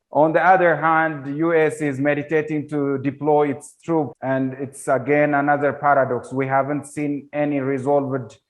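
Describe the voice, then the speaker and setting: A man hosting a TV interview who speaks in a formal manner with frequent hesitations. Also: medium pitch. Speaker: TV interview host.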